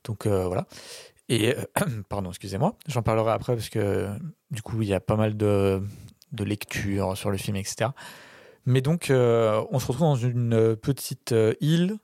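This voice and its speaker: Speaking at a moderate pace in a lowish, slightly mellow voice, this man argues for his film pick during a relaxed podcast chat. He stumbles a lot, restarting sentences and leaning on fillers. The sound is dry and studio-clean.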